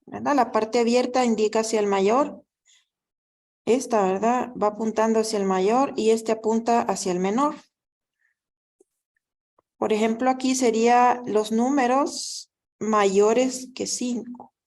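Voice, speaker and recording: In a recorded class lecture, a woman teaches math patiently, step by step, often checking in with students by asking "¿verdad?". Her voice is a little high and darkish, fairly even in intonation and a little slow.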